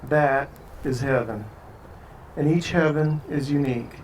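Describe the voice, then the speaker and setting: A man leading a wedding ceremony as officiant, speaking in a steady, formal way with light joking asides. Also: fairly high pitch, unhurried. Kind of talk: ceremony address. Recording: distant mic, faint background noise.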